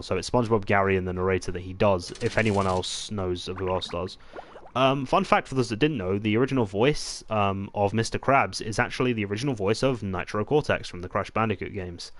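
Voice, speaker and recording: A man chatting casually as he commentates his gameplay, rambling with many pauses and restarts. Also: lowish voice, fairly bright tone. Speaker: gaming channel host. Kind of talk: let's-play gameplay commentary.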